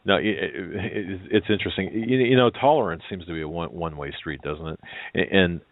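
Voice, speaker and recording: Host: low gravelly man, jokey, laughs easily, narrow phone-like sound. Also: fairly quick, dry recording. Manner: joking, laughs often. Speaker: radio host. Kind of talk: call-in radio talk.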